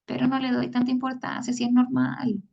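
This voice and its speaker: A woman's voice: sits high, completely flat delivery, brisk, creaky, muffled recording. A woman with a Chilean accent gives a conversational psychology lecture, often checking in with "¿sí?" and acting out quoted parents. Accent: Chilean Spanish. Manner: acts out quoted parents in a brighter voice. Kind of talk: online lecture.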